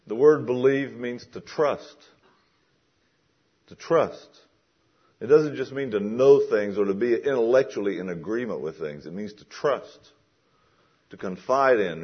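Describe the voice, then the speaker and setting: A man's voice: lowish voice, husky, highs cut off. A man preaching a sermon in a conversational way that builds to emphatic questions.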